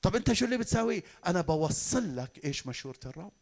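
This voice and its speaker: A male pastor delivers a fervent sermon from the pulpit, speaking in a Levantine Arabic accent. His voice is high for a man and animated, and he talks quickly, often turning to address the congregation directly. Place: church pulpit.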